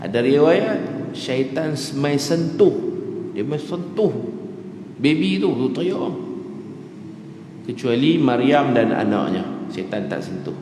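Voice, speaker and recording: A man with a northern Malaysian Malay accent giving a dawn lecture in a mosque, chatty and joking, slowing down to recite Arabic verses. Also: medium pitch, expressive, a little mellow, a little hiss or hum. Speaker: religious teacher. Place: mosque prayer hall. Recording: echoey mosque hall with faint ambience.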